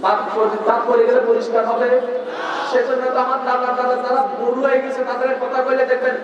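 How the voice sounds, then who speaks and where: Male preacher, very high voice, impassioned shouting sermon, rhetorical questions, echoey PA from a distance, crowd audible. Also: completely flat delivery, quick pace, dull audio. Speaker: Islamic preacher. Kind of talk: fervent waz sermon with crowd call-and-response. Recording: echoey PA sound from far off with crowd. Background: crowd of listeners.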